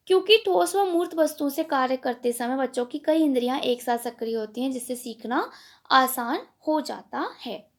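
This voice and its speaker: Woman teacher, high and gravelly, walks through exam answers, asking and answering her own questions. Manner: explains step by step, asks and answers own questions. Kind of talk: exam revision lesson.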